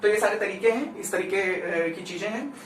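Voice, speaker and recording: A man's voice: high-pitched, normal speed. A man from India giving a conversational classroom lecture as a teacher, chatty and constantly checking in with his listeners. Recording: roomy echo, distant mic, faint noise.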